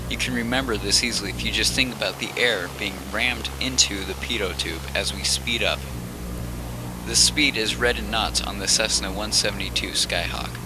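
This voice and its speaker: A man speaking as a flight instructor over a cockpit headset mic, explaining the instruments in a calm, methodical way. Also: fairly low pitch, rough recording. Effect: pilot talking over a cockpit headset mic. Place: small plane cockpit in flight. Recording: headset mic with loud engine noise. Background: engine noise.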